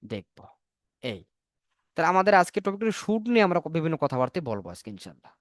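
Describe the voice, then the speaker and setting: A man's voice: a little high, big pitch swings, fast, no room sound, studio quality. A man teaching a spoken English class on a video call, explaining in Bengali, asking and answering his own questions and spelling words out letter by letter. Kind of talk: online class lecture. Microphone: computer mic on a video call.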